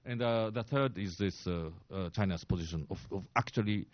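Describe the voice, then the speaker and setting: A man's voice: low voice, dry recording. A man in his sixties with a Japanese accent, speaking English at a press briefing, full of fillers and restarts and growing emphatic. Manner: halting, many fillers and restarts, grows emphatic. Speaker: press briefer, former diplomat. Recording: dull lo-fi sound, dry.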